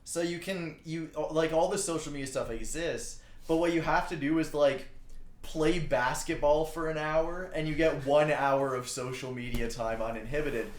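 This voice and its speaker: A man's voice: a little high, moderate pace. A Canadian man co-hosting a podcast, chatting casually, rambling and laughing often. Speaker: podcast co-host. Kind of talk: casual group chat. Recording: echoey room.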